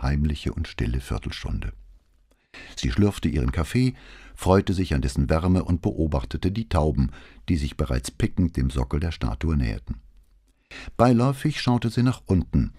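Hörbuchsprecher, rauchig-heisere Stimme, lebhafte Betonung, ruhiges Erzähltempo. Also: male voice, rumbling low, breathy edge. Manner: calm, measured storytelling. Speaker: audiobook narrator. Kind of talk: scripted narration of a crime novel.

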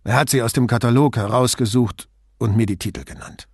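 Audiobook suspect, defensive and touchy, read by a man; husky, dry sound. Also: mid-range voice, brisk, dry recording. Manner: defensive, indignant. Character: evasive, touchy man under questioning.

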